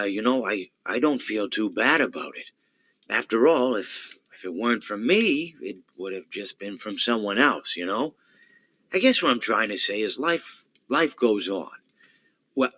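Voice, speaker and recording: A man's voice: on the low side, pushed and bright, exaggerated voice. An actor playing a rambling, long-winded male hippo animatronic in a video game, stammering, repeating his words and drifting off into digressions. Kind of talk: video game character monologue.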